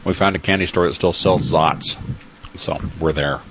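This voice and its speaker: A man's voice: deep voice, moderate pace, fairly bright tone. A tired man co-hosting a podcast, rambling casually with lots of fillers and laughs. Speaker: podcast co-host. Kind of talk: casual chat. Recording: dull lo-fi sound with noise.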